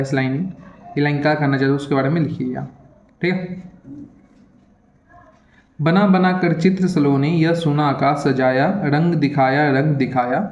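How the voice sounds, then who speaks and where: Guy teacher rushing through exam answers, slightly high voice, echoey room, kinda muffled. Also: a little mellow, a little hiss or hum. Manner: repetitive, keeps checking in with "theek hai"; hurried, reads questions aloud then explains. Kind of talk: explaining an exam paper to students. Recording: echoey room, dull lo-fi sound.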